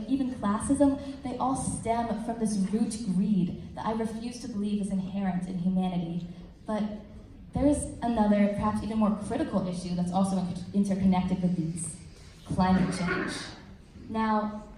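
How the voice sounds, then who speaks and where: A woman's voice: mid-range voice, warm tone. A young woman, a student of upper-school age, giving an earnest prepared persuasive speech at a school assembly with casual asides. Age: teens to young adult, upper-school student. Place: large room at a school assembly. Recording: very echoey hall, faint noise.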